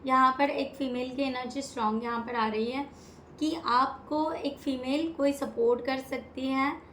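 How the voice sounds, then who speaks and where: Woman, Indian accent, tarot reader, chatty, slightly high voice, roomy echo, faint hiss. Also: steady tone, a little slow, fairly bright tone. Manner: chatty, repetitive, lots of fillers and English words. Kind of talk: casual tarot reading. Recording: echoey room with faint noise.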